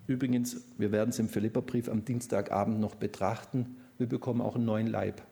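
A middle-aged man preaching a sermon, slowing down on quoted commands and swinging between low earnest tones and lively, raised emphasis. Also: gravelly. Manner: slows down to stress quoted commands.

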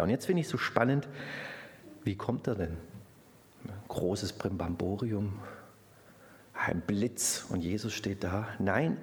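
A man's voice: fairly low pitch, darkish tone. A man preaching a sermon in an earnest way, speaking directly to his listeners and dropping to a near whisper on tender lines.

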